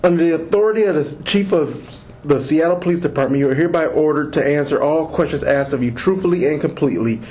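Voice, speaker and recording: A man, a police lieutenant, reads out a formal interview script slowly and deliberately, captured on an interview audio recorder. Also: on the high side, a little mellow. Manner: slow, deliberate, measured reading. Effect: interview taped on an audio recorder, like an interrogation tape. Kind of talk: formal official interview, reading set admonitions. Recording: muffled lo-fi interview recorder audio with faint hiss.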